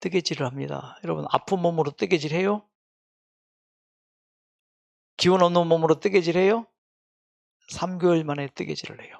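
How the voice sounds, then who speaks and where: A man delivers a faith-based health lecture, moving between quiet narration and questions to the audience. His voice sits a bit high for a man and has a strong gravelly fry. He speaks like a regular speaker of the lecture series. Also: quick pace.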